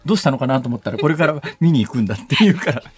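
A man's voice: medium pitch, animated, very fast, a crowd in the background. A man in his sixties with a Kansai accent, hosting a radio show and telling wry, grumbling stories in casual studio chat. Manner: chatty, wry grumbling storyteller.

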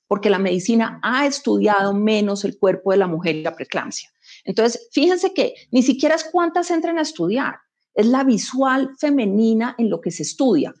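A woman executive guest in an interview, talking at a middle pitch. She argues emphatically, leaning on everyday anecdotes and rhetorical questions to drive her points home. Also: a little mellow. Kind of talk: conversational interview.

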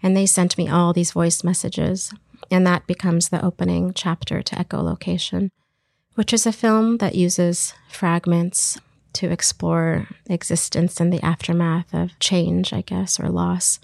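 A woman's voice: on the low side, flat delivery, measured pace, creaky, a little mellow, no echo, studio quality. A woman filmmaker talking thoughtfully in an interview, searching for her words as she reflects on her work. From Iraq. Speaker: filmmaker guest.

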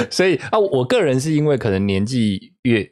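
A man's voice: medium pitch, normal speed. A man in his thirties with a Taiwanese Mandarin accent, chatting casually as a podcast co-host and telling stories with frequent laughs. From southern Taiwan. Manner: animated storytelling, laughs often. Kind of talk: casual chat.

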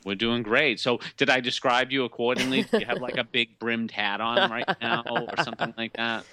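A man's voice: mid-range voice, level tone, a little fast, pushed and bright, dry recording. A man with a heavy Boston accent hosting a talk radio show, chatty and joking with his guests. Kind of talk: casual chat interview.

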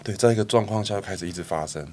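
Deep fast-talking man telling bar stories. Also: slight background noise. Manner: animated storyteller, acts out customers' lines. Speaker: bar founder, guest. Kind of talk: casual storytelling interview.

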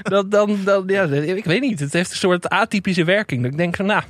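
A man co-hosting a casual talk podcast about television, joking and animated, often laughing. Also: high voice, moderate pace, no room sound, clean studio sound. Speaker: podcast co-host, TV critic. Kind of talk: casual chat.

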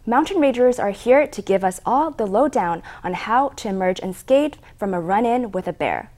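A woman's voice: medium pitch, animated, moderate pace, darkish tone. A woman presenter reading scripted news narration.

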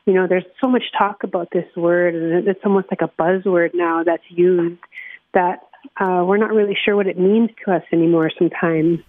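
Over a tinny phone line, the same northern Manitoba woman, a watershed alliance's executive director, answers interview questions at a moderate pace. Her lowish voice keeps a steady tone, earnest and reflective with plenty of fillers, in a dry recording.

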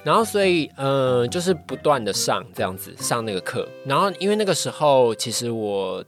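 Faint music plays behind a young man guesting on a podcast, who speaks with a Taiwanese Mandarin accent at normal speed. Very animated in a mid-range voice, he tells of his experiences casually, with some hesitation and repeated phrases.

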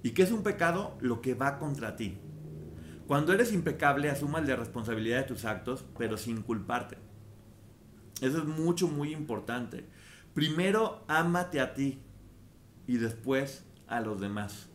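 A man's voice: mid-range voice, lively intonation, a little slow, slight background noise. A man hosting a casual book discussion, explaining ideas earnestly through everyday examples. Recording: roomy echo with faint ambience.

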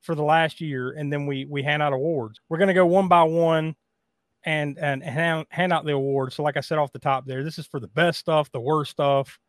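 A man's voice: on the high side, steady tone, moderate pace, no room sound, clean studio sound. A man hosting a podcast, talking in a casual, showman-like style. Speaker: podcast host. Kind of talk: casual chat and hyped show introduction.

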